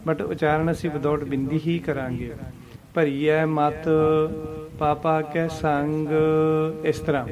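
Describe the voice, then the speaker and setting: A man teaches scripture in a fairly high, even-pitched voice, slowly repeating each verse to model its pronunciation. He explains with patient repetition. Clear crowd chatter runs underneath. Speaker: Gurbani teacher.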